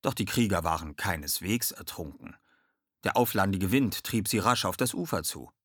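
A man narrating a children's audiobook in a lively, expressive reading. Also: low-pitched, normal speed, husky, dry recording, clean studio sound.

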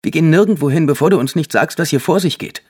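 A man voicing a tired, protective young mother in an audiobook, speaking flat and worn. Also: a bass voice, brisk, slightly rough, exaggerated voice. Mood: alarmed. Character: weary poor young mother, guarded and protective. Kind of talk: audiobook character voice.

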